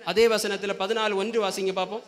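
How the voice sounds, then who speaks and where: A man's voice: sits high, level tone, a little fast. A man preaching a Sunday sermon in a church, often asking the congregation questions and prompting them to call back. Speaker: pastor.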